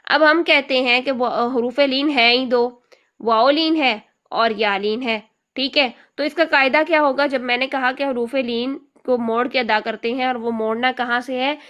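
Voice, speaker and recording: A woman's voice: high-pitched, steady tone, normal speed, fairly bright tone. A woman teaching a recitation lesson step by step, patiently repeating each point and checking in often.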